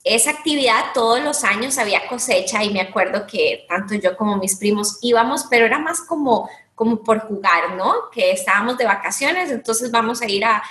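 A guest entrepreneur from Costa Rica speaks on a video call from home, her fairly high voice bright and forceful, with lively intonation, a moderate pace and few pauses. Earnest in her answers, she still restarts often and uses many fillers, while the webcam picks up the room's echo.

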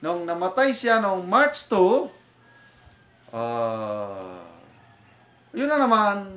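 Older filipino guy telling his faith story on his vlog, high voice, kinda echoey room, animated, flips between tagalog and english. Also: slight background noise. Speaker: vlogger and retired military officer. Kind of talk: casual spoken testimony. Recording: roomy echo.

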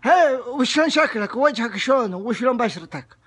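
A young man plays a furious father who bellows stammering threats down a prank call, his voice pitched unusually high. The sound is close and direct, recorded on a phone held at arm's length in a small indoor room. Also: lively intonation, brisk, a bit bright, slightly rough, exaggerated voice. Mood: threatening. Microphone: phone camera at arm's length.

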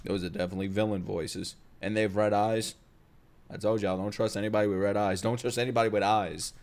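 A young adult man hosts anime reaction videos from a home living room with an open kitchen, speaking fast into a close mic on a boom arm. His voice is lowish, darkish and flat. The talk is casual, unscripted, slangy and full of swearing.

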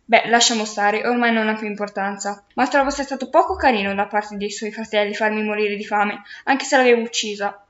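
A woman's voice: mid-range voice, steady tone, a little fast, hardly any pauses, lightly acted. A woman voicing a centuries-old aristocratic male ghost who is self-pitying and haughty, in a storybook reading. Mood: whining. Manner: whining, wounded pride. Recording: roomy, dull lo-fi recording.

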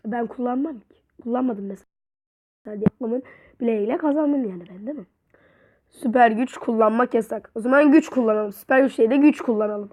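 Excitable young woman commenting on gameplay. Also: fairly high pitch, fairly quick. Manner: excitable, cheering and trash-talking at the game. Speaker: gaming YouTuber.

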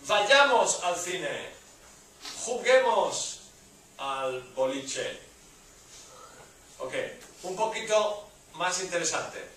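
Slow, forceful male teacher in echoey classroom. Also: sits high, lively intonation, distant mic, a little hiss or hum. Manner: emphatic, repeats drill phrases with playful exclamations. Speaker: Spanish teacher. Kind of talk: classroom lecture. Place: university classroom.

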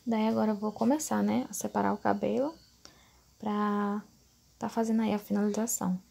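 Creaky yet mellow, her mid-range voice stays flat and moves at a moderate pace. She's a Brazilian beauty vlogger in her thirties, chatting indoors from a small bedroom at home about her hair-care routine, leaning on "né," greeting viewers as "gente," and often asking for their agreement.

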